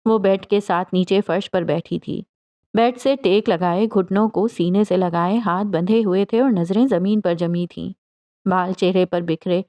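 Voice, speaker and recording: Calm woman narrating a novel. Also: medium pitch. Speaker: audiobook narrator.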